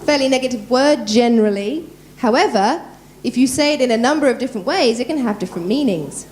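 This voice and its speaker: A woman voice coach giving a lively workshop at a conference, talking quickly and quizzing the audience. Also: fairly high pitch. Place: conference room.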